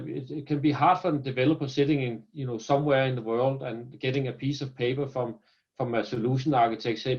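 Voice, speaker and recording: In a lo-fi video-call interview about business, a company founder from Denmark speaks earnestly with a Danish accent. His mid-range voice has a darkish tone, and he tends to repeat words when restarting.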